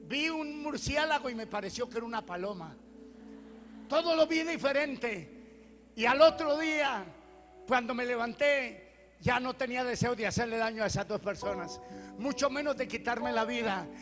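A man preaching a testimony sermon, animated and storytelling, swinging from loud declarations to hushed prayers. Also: very high voice, moderate pace, big-room sound, soft background music.

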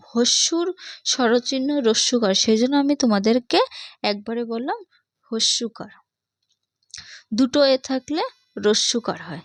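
Bangladeshi woman, children's teacher, patient, repeats and asks questions, higher pitch, dry sound. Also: no echo. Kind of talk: explaining an English reading lesson to young children.

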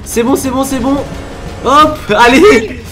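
A man giving excited gameplay commentary as a gaming YouTuber, repeating his phrases over and over and talking to his subscribers. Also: extremely high pitch, slow pace. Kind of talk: live Minecraft gameplay commentary. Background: background music.

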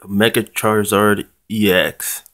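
A young man with a low-pitched voice hosts a casual unboxing vlog. He speaks slowly and haltingly, with an easygoing, offhand delivery. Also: level tone, a bit bright. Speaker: trading card channel host.

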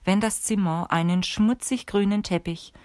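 A woman reading the lines of a calm, stern old male sorcerer teacher in a measured, instructive way for an audiobook. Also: medium pitch, no echo, clean studio sound, lightly acted.

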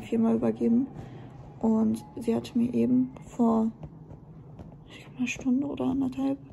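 A woman's voice: on the high side, creaky, mellow, a little hiss or hum. A woman vlogging casually to camera, talking in a candid, rambling way, worn out and in pain after surgery. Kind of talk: casual vlog talk to camera.

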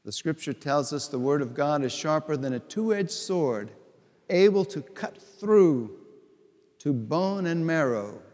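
A middle-aged bishop preaches a homily, his voice a little high and his delivery unhurried. He builds his points through repetition, and the words ring out with a long reverb from a large church. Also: expressive, a little mellow. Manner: slow, deliberate, conversational preaching with repeated phrases. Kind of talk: homily at Mass. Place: large church sanctuary before the altar.

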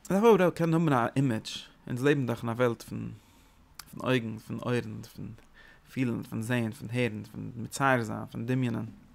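A man teaching a religious lecture, his mid-pitched voice rough with a gravelly rasp. He talks in animated, emphatic bursts and drops in English words as he explains. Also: normal speed. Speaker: Torah teacher.

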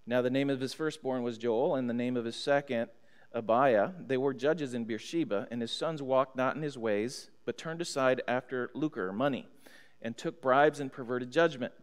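A man's voice: medium pitch, normal speed, clean tone. A middle-aged American man, a pastor, teaching a Bible study lesson from the pulpit and checking in with his listeners. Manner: teacherly, checks in with listeners, reads scripture aloud. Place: church sanctuary at a pulpit. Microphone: stand mic on pulpit, far camera. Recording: long church hall reverb.

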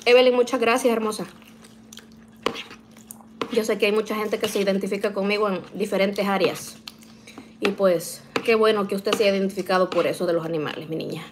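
The chatty middle-aged woman in her kitchen speaks fairly quickly with a steady, medium-pitched tone and frequent pauses. While cooking, she addresses viewers as "niñas" and tacks "¿verdad?" onto her remarks, over slight background noise.

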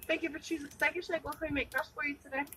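A woman at a fast-food window takes orders through a drive-thru speaker, her high, bright voice rattling off scripted lines at speed. She sounds far off, picked up from inside a car parked at the speaker box. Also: level tone. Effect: heard through a drive-thru speaker. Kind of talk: quick scripted service talk.

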